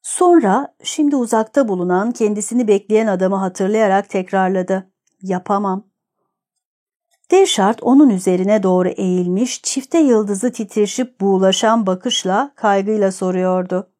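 Female audiobook narrator, steady and even, warm mellow tone. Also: mid-range voice, normal speed. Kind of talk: scripted narration of a novel.

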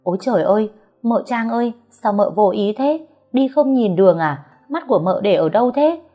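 A woman voicing a shrill, spiteful young woman who scolds and sneers, on a dull lo-fi recording with faint music behind. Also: sing-song, unhurried. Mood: shrill accusing.

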